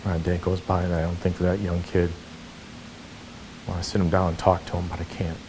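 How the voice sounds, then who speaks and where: A man's voice: sits low, monotone, fairly quick, background noise, natural voice. An actor playing a remorseful, aging male prisoner facing a parole board, weary and bitter in manner.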